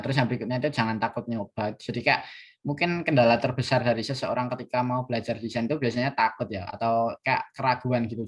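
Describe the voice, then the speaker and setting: A young man giving a casual online design class, talking hesitantly with many fillers and restarts. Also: medium pitch. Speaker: workshop speaker.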